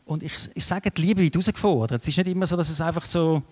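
A middle-aged man with a Swiss German accent, preaching a sermon with lively storytelling that swings between loud and soft. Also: a little high, fast talker. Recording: long hall reverb.

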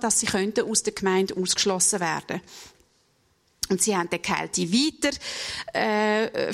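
A woman with a Swiss German accent, reading scripture and retelling it in a loose, conversational sermon with frequent hesitations. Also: mid-range voice. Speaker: preacher.

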